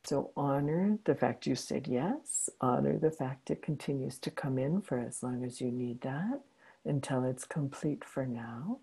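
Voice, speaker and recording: A woman facilitating a healing session over a video call, speaking softly and encouragingly. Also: a bass voice, a little slow, gravelly, husky, low-quality recording. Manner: soft, soothing and encouraging. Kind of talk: gentle guided closing talk.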